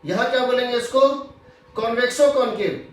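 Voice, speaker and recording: High-voiced physics teacher in echoey room. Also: male voice, a little fast, a bit bright. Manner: explains step by step, repeats key points, mixes Hindi with English terms. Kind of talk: classroom lecture.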